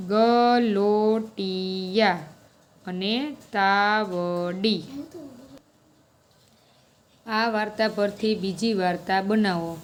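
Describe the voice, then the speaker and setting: In a mid-range, slightly mellow voice, a woman teacher reads a kids' story and goes over the lesson questions one careful step at a time. A little hiss or hum can be heard.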